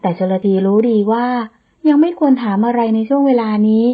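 Woman narrator, audiobook, emotive slow reading, breathy, dull lo-fi sound. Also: a little high.

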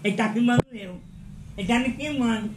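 A woman's voice: on the high side, brisk, noisy background. A woman talking casually, grumbling and refusing in a suspicious way. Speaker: vlogger's aunt. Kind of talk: casual everyday talk.

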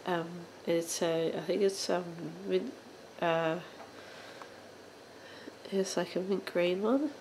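A woman speaking slowly and a little low, talking through a vintage doll in a loose show-and-tell way. She hesitates often, filling gaps with ums and uhs, and coughs now and then. Faint room ambience sits behind her voice at home. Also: steady tone, a little mellow, slight background noise, low-quality recording. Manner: hesitant, many ums and uhs, halting phrasing; occasional coughs. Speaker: doll collector channel host. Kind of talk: casual show-and-tell narration. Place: indoors at home, on a sofa.

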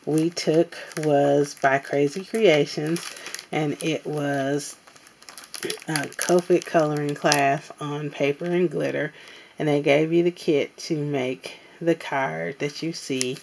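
A woman casually showing off her craft supply haul at a table, talking in an unhurried way with many ums and pauses. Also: deep voice, gravelly, a little mellow, a little hiss or hum. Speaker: crafting vlogger. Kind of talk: casual haul show-and-tell. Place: indoors at a tabletop.

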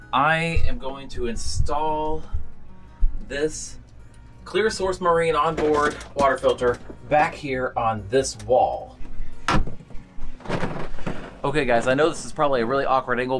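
A man in his thirties chats to his viewers while he unpacks and installs gear aboard a catamaran. His voice sits at an ordinary middle pitch and is picked up close by a camera, with faint music playing underneath. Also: normal speed. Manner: chatty, talks to viewers while working with his hands. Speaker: boat owner vlogger. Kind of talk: casual vlog talk. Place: aboard a catamaran, partly in a small cabin.

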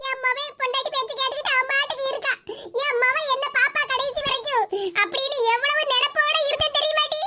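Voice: very high-pitched, little pitch movement, fast talker. A performer voicing a bitter, grumbling old mother in a cartoon, with a Tirunelveli Tamil accent and a scolding, self-pitying way of talking. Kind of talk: cartoon voice acting. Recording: loud background noise.

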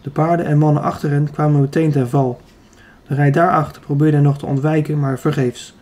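A man narrates an adventure story as an audiobook, with steady, even storytelling. His voice sits a little above the usual male range. It has a warm, mellow tone. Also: a little high, a little fast. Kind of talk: scripted narration.

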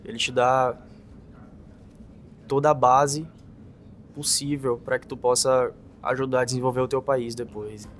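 A man's voice: mid-range voice, flat delivery, a little slow, pauses often, a little hiss or hum. A young man from northeastern Brazil, an exchange student explaining his program earnestly in an interview testimonial. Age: young adult. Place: indoor campus building.

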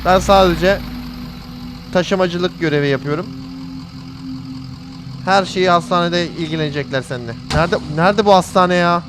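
A man's voice: high voice, normal speed, pauses often, noisy background. A man commentating a horror game in a jokey way, reading its lines aloud and yelping when startled. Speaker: gaming channel host. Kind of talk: let's play commentary.

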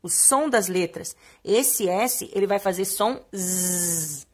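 A young adult woman with a Brazilian Portuguese accent teaches young children, reading a poem line by line. She draws out the key words slowly in a sing-song way to get them to read along. Her voice sits at an ordinary middle pitch. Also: darkish tone.

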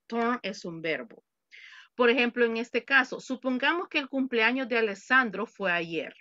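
A woman's voice: fairly high pitch, expressive, moderate pace, sharp tone, no echo, muffled recording. A woman teaching an online English class in Spanish, patiently repeating words and examples for her students. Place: home. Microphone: computer mic on a video call.

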